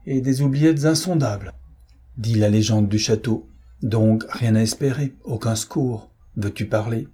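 A man's voice: mid-range voice, measured pace, mellow, breathy edge. A man voicing a cruel middle-aged marquis who commands harshly in an audiobook reading. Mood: cold menacing. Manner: harsh, commanding, increasingly frantic.

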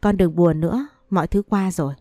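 A woman voicing a gentle consoling father. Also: fairly low pitch, fairly even intonation, brisk, no echo, clean studio sound, close to an everyday voice. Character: grieving father soothing his daughter.

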